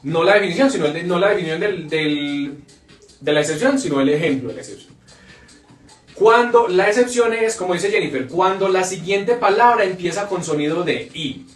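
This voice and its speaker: High, lively male teacher, echoey room. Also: normal speed, far from the mic. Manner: explains by repeating words over and over. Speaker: English teacher. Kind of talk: live online class. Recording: echoey room, off-mic, faint music.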